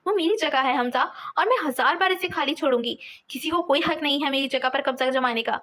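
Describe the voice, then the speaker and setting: A woman's voice: high-pitched, fairly quick. A woman doing a fiery, headstrong young woman. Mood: sulky. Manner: defiant, shouting.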